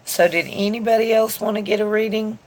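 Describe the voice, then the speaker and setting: Reading viewer comments aloud on her tarot live stream, a woman with allergy congestion talks in a mid-range voice that stays fairly even and moves briskly. She's chatty and rambling and greets people by name. The recording is rough.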